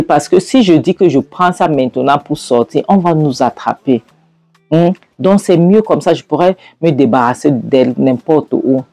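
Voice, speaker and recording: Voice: medium pitch, warm tone, dry recording. A storyteller retelling a film scene by scene, hesitant with fillers. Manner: hesitant, with fillers and acted quotes.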